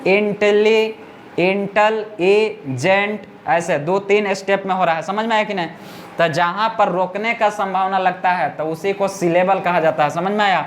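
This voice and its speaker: A man's voice: high voice, steady tone, brisk, a little hiss or hum. A male teacher explaining a grammar lesson step by step to a class, often stopping to ask whether the students understand.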